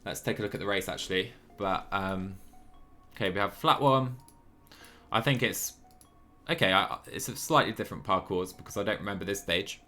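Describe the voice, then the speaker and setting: Over music in the background, a live streamer playing a cycling management game talks at normal speed in a low voice that sounds pushed and bright. He thinks aloud, casual and a little apologetic.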